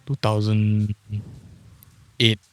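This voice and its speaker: A man's voice: on the low side, monotone, extremely slow. A man in his thirties with a Singaporean English accent, a podcast guest talking casually and joking at his own expense. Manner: laid-back, self-deprecating joker. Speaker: podcast guest, audio engineer. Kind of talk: casual chat.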